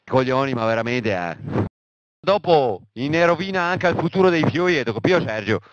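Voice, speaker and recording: A man's voice: medium pitch, animated, moderate pace, dry recording, highs cut off, lightly acted. A man in his thirties with a Venetian accent, acting an angry, foul-mouthed militant who rants with explosive curses. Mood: bitter. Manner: ranting, peppered with explosive cursing.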